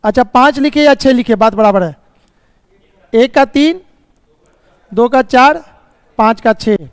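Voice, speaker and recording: Man, very high voice, teacher, live class lecture, dry close sound with a long reverb tail. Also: lively intonation, a little slow, clean tone. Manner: explains step by step with frequent check questions; scolding students over the course. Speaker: reasoning teacher.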